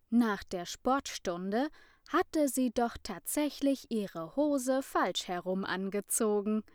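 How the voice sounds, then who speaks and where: A woman reading a children's story aloud in an expressive storytelling manner. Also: medium pitch, no room sound, clean studio sound.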